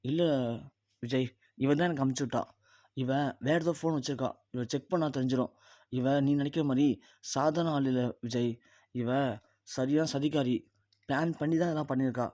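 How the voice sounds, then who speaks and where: A man voicing a scheming woman who keeps accusing her younger brother's wife, read in his own mellow voice. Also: mid-range voice, steady tone, moderate pace, long pauses, no room sound, clean studio sound, natural voice. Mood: insistent. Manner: insistent, accusing.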